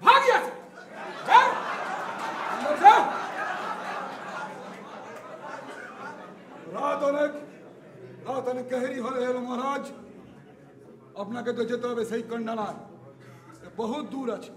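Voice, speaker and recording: A man acting a proud, excitable Mughal khan in a historical stage play, declaiming and exclaiming. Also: very high-pitched, moderate pace, pauses often, crowd noise. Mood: commanding. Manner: declamatory, exclaiming, mixing Hindi-Urdu into Bengali. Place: theatre stage. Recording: echoey stage hall, faint music.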